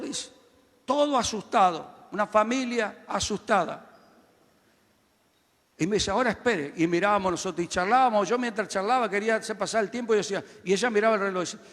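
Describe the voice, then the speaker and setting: A pastor preaches in a very high, bright voice that carries through a long-reverberating hall. He tells his story, then rises into loud, shouted exhortations for his congregation to repeat. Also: a little fast. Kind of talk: sermon.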